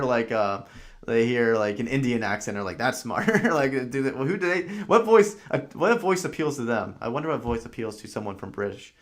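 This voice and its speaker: A man hosting a live podcast, commenting casually on a video and rambling with many fillers as he thinks aloud. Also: mid-range voice. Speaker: podcast host reacting to a video.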